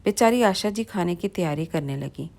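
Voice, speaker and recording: A woman narrating a moral family story in a plain, steady storytelling manner. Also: lowish voice, moderate pace, gravelly.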